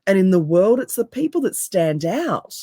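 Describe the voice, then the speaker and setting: An Australian woman with a deep, raspy voice appears as a guest on a podcast, an NLP coach and hypnotherapist being interviewed. Her tone is mellow and warm, with big pitch swings at a moderate pace, and she speaks emphatically while firing off punchy rhetorical questions. The recording is dry and close.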